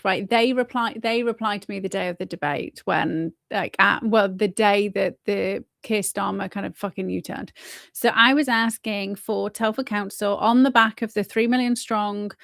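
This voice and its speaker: A woman's voice: mid-range voice, vocal fry, fairly bright tone, no room sound, studio quality. A woman from England, hosting a live stream in a rambling, casual way, swearing often and asking "right?" after her points. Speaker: host.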